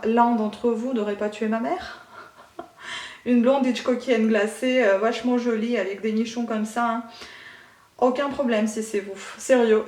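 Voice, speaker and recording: A woman's voice: fairly high pitch, a little mellow, lightly acted. A woman reading as a brash, darkly joking young woman. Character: brash young woman seeking her mother's killer. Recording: roomy sound from a distance.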